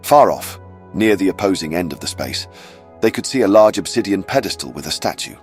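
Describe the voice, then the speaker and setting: A man's voice: sits low, animated, a little fast, soft background music. A man narrating a scripted fantasy adventure recap as a storyteller given to wry, chatty asides.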